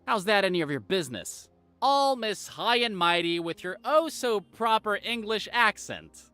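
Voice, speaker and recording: Brief: a video game handyman, brash and boastful, a bright, lively voice, faint game music behind. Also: sits high, normal speed, no echo. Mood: hostile. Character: cocky, hostile man, arcade-loving handyman.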